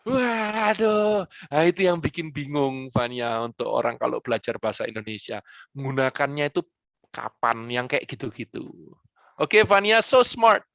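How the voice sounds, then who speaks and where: A man answering students' questions on a video call, talking in a playful, animated way and dropping in English phrases. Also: mid-range voice, normal speed, vocal fry, no room sound, highs cut off. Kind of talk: lively Q&A on a school video call.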